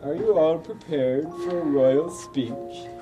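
A man voicing a pompous puppet king for children's television, formal and self-satisfied, speaking in a stately, booming royal manner. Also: slow, distant mic, over loud music. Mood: pompous, proclaiming.

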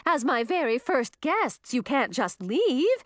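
A woman voicing an eccentric old female ice witch who talks in a high, sing-song, imperious way. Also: sing-song, slow pace, no echo, clean studio sound, full character voice. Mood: commanding.

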